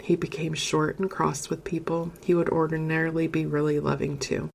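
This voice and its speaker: A middle-aged woman with a low, gravelly voice tells a personal story as a podcast host. She talks conversationally, filling gaps with "you know." She sounds moved and close to tears at moments. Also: level tone, moderate pace, a little hiss or hum. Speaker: podcast host and spiritual medium.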